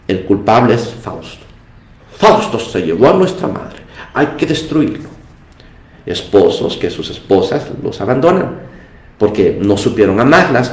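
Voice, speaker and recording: A man preaching a fervent sermon, rising now and then to impassioned outbursts. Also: lowish voice. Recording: echoey room.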